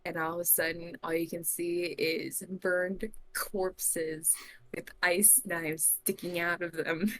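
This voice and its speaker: A woman's voice: lowish voice, takes it slowly. A woman on a podcast, telling a made-up tabletop fantasy story in casual talk and often giggling. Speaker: podcast co-host.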